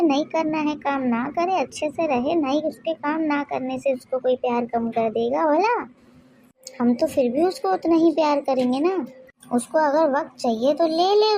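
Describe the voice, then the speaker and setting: A woman's voice: high-pitched, a little mellow, a little hiss or hum. A woman voicing a well-meaning, fussing middle-aged mother-in-law in a cartoon story, scolding in a plaintive, pleading way. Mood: aggrieved.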